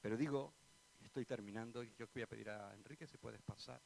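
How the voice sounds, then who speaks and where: A man with an Andalusian Spanish accent, a pastor preaching a sermon in church, swinging between loud bursts and quiet asides and asking the congregation direct questions. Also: mid-range voice, fairly quick, gravelly, a little hiss or hum, poor audio. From Spain.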